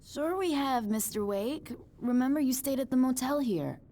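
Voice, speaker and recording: An actress voices a chatty, eccentric new-age mystic, a motel resident who calls herself psychic, in a game cutscene. Her voice sits high and warm, at a moderate pace, with a breezy, airy delivery and light acting.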